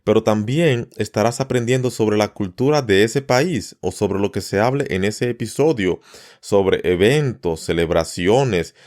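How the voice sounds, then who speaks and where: A man hosting a podcast lesson, teaching learners at an easy pace and often repeating words or listing them slowly one by one. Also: lowish voice, darkish tone. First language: Spanish. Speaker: Spanish teacher and podcast host.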